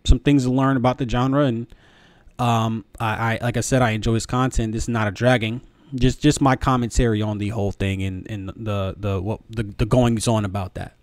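Halting, casual man on a dry mic. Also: on the low side, fairly even intonation, no room sound. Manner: halting, repeats words. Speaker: video commentator. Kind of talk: casual review commentary. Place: small room at home. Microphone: close desk microphone, headphones on.

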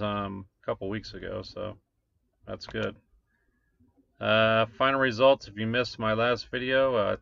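A man's voice: mid-range voice, gravelly, sharp tone, clean tone, no room sound. A man, casually walking through his crypto mining numbers, rambling with many fillers. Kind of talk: casual screen-share walkthrough. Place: small room at a desk. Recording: dull lo-fi desk recording.

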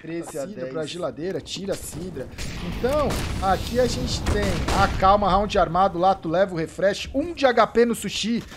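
A Brazilian man giving excited live commentary on a competitive shooter match, swearing and shouting at big plays. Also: high-pitched, moderate pace, hardly any pauses, very noisy. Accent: Brazilian Portuguese. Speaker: esports streamer commentator. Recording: live stream with game gunfire behind.

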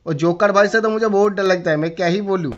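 A gamer streamer pranks a stranger in a shooter game's voice chat, being playful, teasing and flirty. He has a high voice and talks quickly, and the game-chat audio is noisy and muffled.

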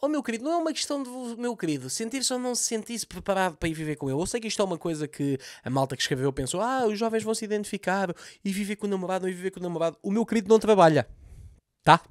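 Fast, sarcastic Lisbon man roasting a show. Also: high voice, animated, dry recording, clean studio sound. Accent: Lisbon Portuguese. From Portugal. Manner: sarcastic, swears a lot, mocks the scenes. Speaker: comedian recapping a TV series. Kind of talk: comedic recap commentary.

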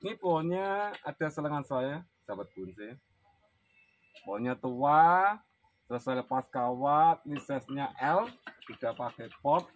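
A man's voice: mid-range voice, lively intonation, measured pace. A man with a Javanese Indonesian accent giving a casual sales presentation as host, repeating prices and names for viewers. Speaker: host reviewing bonsai for sale. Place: outdoors in a plant yard.

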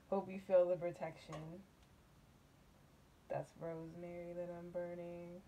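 Woman doing a chill tarot reading, lowish mellow voice, slight hiss behind. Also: level tone. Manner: musing, unhurried, with hums and laughs. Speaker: tarot reader. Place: small dim room at a table, hands only in view.

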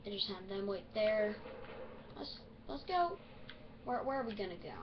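A woman with the hiccups giving rambling, excitable let's-play commentary on a strategy game. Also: mid-range voice, normal speed, lo-fi sound, noisy background. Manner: chatty, easily excited, rambling. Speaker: gaming video host.

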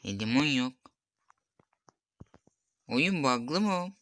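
Speaking slowly and expressively, this young male streamer has a medium-pitched, fairly bright voice recorded without echo. He mutters through a mobile cooking game, reads the recipe steps out loud, and gets annoyed with it as he chats casually.

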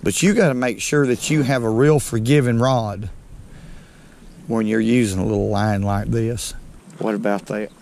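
Recorded on a head-mounted action camera with slight background noise, a fishing channel host talks in a fairly low, steady, slightly mellow voice with vocal fry. He's a middle-aged man with a Southern American accent from North Alabama. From his small boat on a lake he offers casual, folksy commentary, unhurriedly addressing viewers as "folks."

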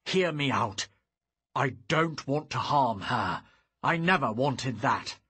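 A deep, growling old tyrant king, stern and full of wrath, as an audiobook narrator puts him on. He speaks slowly with a husky, breathy edge and a forceful, bright tone. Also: animated, heavily acted. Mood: pleading. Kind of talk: audiobook character reading.

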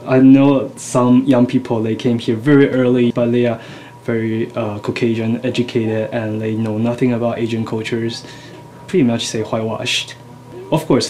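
Man w flat low-key dark voice, says his opinion firmly. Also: a little hiss or hum, low-quality recording. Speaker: interviewee. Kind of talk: interview answer.

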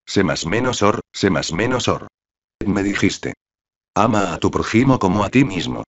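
A man's voice: lowish voice, lively intonation, moderate pace. An audiobook reader voicing an anguished, envious middle-aged man who questions himself bitterly. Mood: anguished prayer. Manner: anguished, brooding self-questioning. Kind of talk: audiobook character reading. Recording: dull lo-fi audio.

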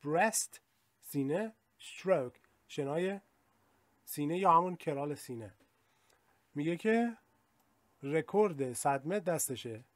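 A man with a fairly high voice teaches vocabulary, chatting through his explanations and then slowing right down to read example sentences clearly. The sound is dry and close, with no room echo. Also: animated. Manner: explains in Persian, reads English examples slowly and clearly. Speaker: English teacher. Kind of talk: vocabulary lesson in Persian.

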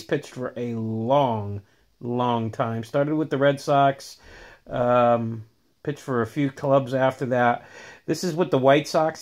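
A man casually talking through his autograph collection in a home vlog, rambling with many fillers and restarts, filmed on a handheld phone. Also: mid-range voice. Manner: rambling, filler-heavy, upbeat. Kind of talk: casual show-and-tell vlog.

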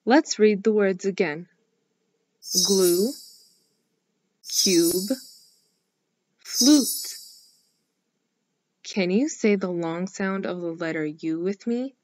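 A woman teaching a scripted phonics lesson for young children, speaking slowly and clearly in an encouraging way. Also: mid-range voice, background noise. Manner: slow, clearly enunciated, encouraging.

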